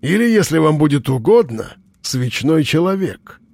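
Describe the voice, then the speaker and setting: A man reading an audiobook, voicing a gruff, sardonic middle-aged investigator. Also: fairly high pitch, very animated, normal speed, darkish tone, no echo, voice pushed up, heavily acted. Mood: gruff, mocking.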